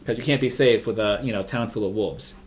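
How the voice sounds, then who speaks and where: A young man casually walking through how to moderate a party game, rambling and now and then bursting into loud acted-out announcements. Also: lowish voice, fairly quick. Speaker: game moderator teaching a tutorial. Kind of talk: casual instructional talk.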